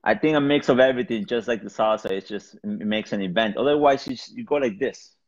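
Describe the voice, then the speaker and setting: Low-voiced man. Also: fast. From Peru. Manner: relaxed, rambling, with many fillers and restarts. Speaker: salsa DJ guest. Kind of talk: casual interview chat. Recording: dull lo-fi sound.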